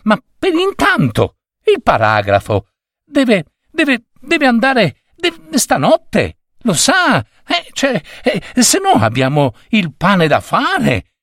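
Brief: frantic young print-shop lad, high-pitched and stumbling over his words, put on by a male storyteller, in a storybook reading. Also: huge pitch swings, slow pace, fairly bright tone, no room sound, studio quality, full character voice. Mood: eager. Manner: stammering, breathless, high and frantic.

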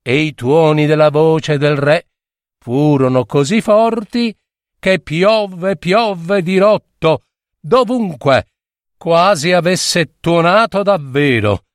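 A man from Italy reading a fairy tale aloud with lively, theatrical narration. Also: fairly high pitch, takes it slowly, no echo, clean studio sound. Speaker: storyteller.

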